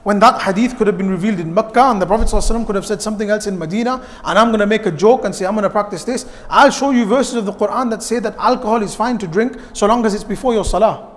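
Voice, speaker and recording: A high-voiced man gives a youth talk in a mosque hall. He speaks in a lively, direct way and keeps putting questions to the room. His voice carries a long hall reverb. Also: very fast, hardly any pauses.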